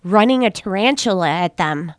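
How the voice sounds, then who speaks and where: A woman's voice: mid-range voice, animated, normal speed, dry recording, clean studio sound. A woman co-hosting a playful radio call-in giveaway, talking cheerfully with callers in a sing-song way. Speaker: radio show co-host. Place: radio studio.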